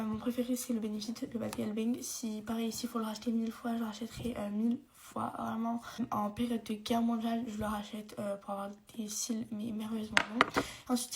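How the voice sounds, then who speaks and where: Woman, casual makeup chat, hesitant, flat delivery, slightly high pitch. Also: a little hiss or hum. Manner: hesitant, many fillers.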